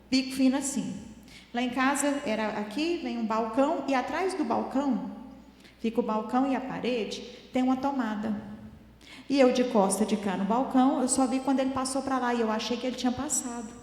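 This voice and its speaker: High-voiced woman in an echoey hall. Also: darkish tone. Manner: chatty, laughing, tells home stories. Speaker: parenting talk speaker.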